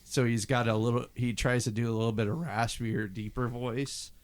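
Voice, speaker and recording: A man's voice: mid-range voice, level tone, moderate pace. A man co-hosting a casual podcast about an old album, telling rambling stories and imitating voices he talks about. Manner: rambling storyteller, mimics singing and quotes. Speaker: podcast co-host.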